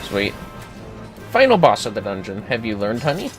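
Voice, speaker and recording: This man's lowish, fairly bright voice swoops wildly in pitch while he talks at normal speed. He's livestreaming gameplay over music, casually breaking down tactics step by step with plenty of cursing.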